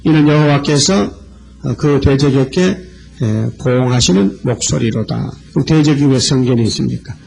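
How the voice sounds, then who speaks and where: A man's voice: mid-range voice, moderate pace, gravelly, a little mellow, slight background noise. A man preaching a sermon, reading scripture verses aloud and explaining them one by one. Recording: old lo-fi church sermon tape.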